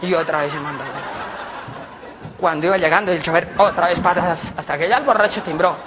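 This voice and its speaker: Lively man telling jokes. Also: fairly high pitch, a little fast, crowd noise, noisy background. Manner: lively, chatty storytelling. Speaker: joke teller. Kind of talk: radio comedy, telling jokes.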